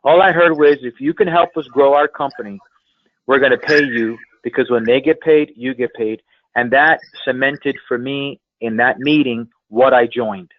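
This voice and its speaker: At a moderate pace and mid-range pitch, a man gives a motivational sales coaching talk as a guest speaker on a conference call. He's a sales trainer who speaks emphatically and repeats phrases to drive them home. The dry recording comes through a telephone, sounding tinny and band-limited.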